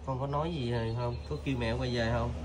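A man interviewing a child, asking gentle, coaxing questions with many fillers. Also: mid-range voice, steady tone, fast. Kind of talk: casual street interview. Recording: outdoor video with noticeable background noise.

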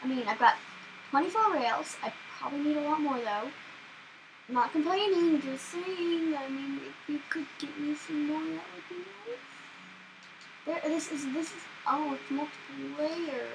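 A young woman hosting a gaming channel, chatting casually and excitably while she plays, often startled. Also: high voice, unhurried, creaky, background noise. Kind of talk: casual gameplay commentary.

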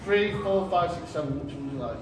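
A young man performs a card trick on a small stage, talking to the audience in a rambling, good-humoured way. His voice sits a little high for a man. The recording picks him up from a distance in a noticeably echoey hall. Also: animated, fast talker, heavy background noise. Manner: chatty, self-deprecating, stumbling restarts. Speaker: stage magician. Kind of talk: live stage patter with audience. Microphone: distant camera, no mic. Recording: roomy hall echo, voice from far off.

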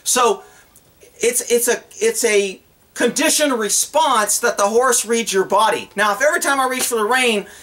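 At a moderate pace, a middle-aged man with a raised, high-pitched voice gives casual, unscripted instruction to the camera outdoors on open rural land. He's a horse trainer and vlogger whose style is blunt, folksy and animated, complete with imagined dialogue he performs.

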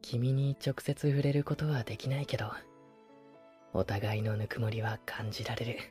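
A male actor playing a gentle, devoted supernatural young man in an ASMR role-play of intimate bedside pillow talk, soft and hesitant. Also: fairly high pitch, expressive, slow, soft background music. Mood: tender, affectionate. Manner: soft, tender, breathy, hesitant.

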